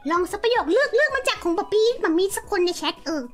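A woman's voice: very high voice, animated, quick pace, fairly bright tone, faint music behind. A woman streamer playing an English teacher, theatrical and exaggerated in a playful chat.

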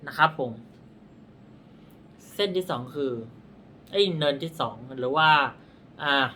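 A man's voice: fairly high pitch, unhurried, pushed and bright, slight background noise. A man reading palms, explaining in a blunt, rambling way, correcting himself as he goes and pointing at his own hand, with a dry throat. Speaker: palm reader. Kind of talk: casual explanatory talk.

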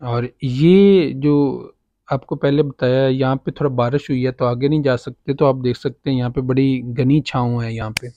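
A property agent with a Pakistani Urdu accent strolls a farm property giving a casual tour, pointing out features and using lots of fillers. He speaks at a medium pitch and moderate pace in a steady, mellow tone. The handheld phone recording is close and dry, with the high frequencies cut off.

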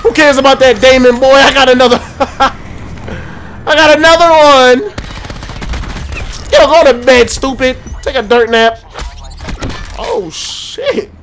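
Hyped high-voiced young man gaming. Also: normal speed, long pauses, soft background music. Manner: excitable trash talk with frequent laughing. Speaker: gaming YouTuber. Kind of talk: casual gameplay commentary. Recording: faint game gunfire behind. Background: gunfire.

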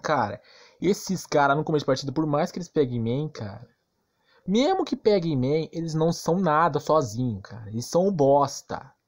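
With a slightly high voice that swings widely in pitch, a Brazilian-accented gaming YouTuber rants about a game at a moderate pace. The commentary is casual, crude and full of slang, emphatic and repetitive, with lots of rhetorical questions.

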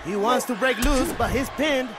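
Sarcastic male lucha libre colour commentator, very high emphatic delivery, video game arena crowd roaring. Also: normal speed. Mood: excited, sardonic. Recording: loud arena crowd and music behind.

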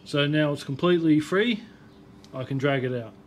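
A man's voice: fairly high pitch, normal speed, heavy background noise. A man talking casually to camera as he works on a car in a home garage, thinking aloud as he goes. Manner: relaxed, chatty, thinking aloud while working. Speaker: car restoration vlogger. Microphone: phone or action camera.

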